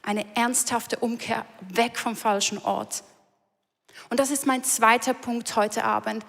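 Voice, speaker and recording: A woman's voice: a little high, steady tone, slow pace, creaky, a bit bright. A woman preaching a sermon in an earnest, emphatic way, repeating key lines. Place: large church hall. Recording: reverberant church hall.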